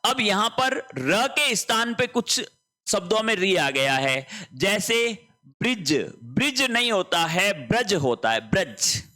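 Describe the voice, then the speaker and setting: Slow, lively man teaching spelling. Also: high-pitched. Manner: explains slowly, repeats words, checks understanding. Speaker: Hindi teacher. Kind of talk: online exam-prep lesson.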